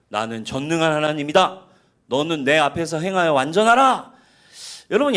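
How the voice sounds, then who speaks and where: A male pastor giving a sermon in an animated way, often asking the congregation questions. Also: high voice.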